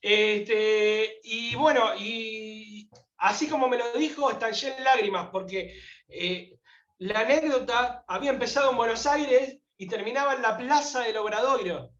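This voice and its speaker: A man's voice: very high voice, measured pace, echoey room, lo-fi sound. A man from Argentina with an Argentine accent, a guest telling a heartfelt story in an interview and acting out the voices in it. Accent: Argentine Spanish. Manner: animated, acts out quoted voices. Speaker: guest pilgrim.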